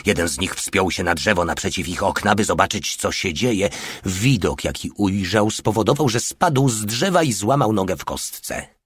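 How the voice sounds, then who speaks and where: A man reading an audiobook in steady, wry scripted narration. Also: sits low, moderate pace, husky, no echo.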